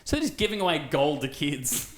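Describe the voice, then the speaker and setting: A man's voice: a little high, fairly quick. Chatty Australian man in his thirties. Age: 30s. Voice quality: swears freely, animated storytelling with put-on quotes. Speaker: podcast co-host. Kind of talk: casual chat.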